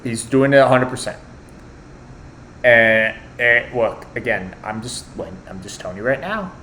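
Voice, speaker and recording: A young man co-hosting a casual chat, halting and repeating words, often trailing off quietly. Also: mid-range voice, a little hiss or hum. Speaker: podcast co-host.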